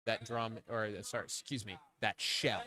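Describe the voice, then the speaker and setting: A young man with a bright, forward voice, commenting live on a robot fight. He talks casually, chuckles often and jumps up in excitement when something big happens. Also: fairly low pitch, moderate pace.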